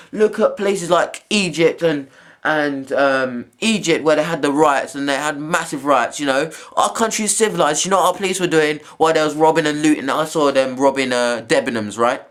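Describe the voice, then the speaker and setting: A man's voice: a little high, a bit bright. A young man, giving a heated, repetitive rant to camera in a video blog. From England. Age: young adult.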